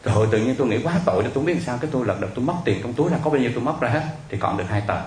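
A man, a monk telling a story in a lively, emphatic sermon. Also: medium pitch, rapid-fire, slight background noise. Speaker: Buddhist monk. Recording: echoey hall recording.

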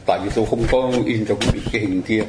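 A man's voice: fairly low pitch, rapid-fire, echoey room, noisy background. A man teaching a Buddhist class, explaining patiently and addressing his listeners politely. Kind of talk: dharma class lecture.

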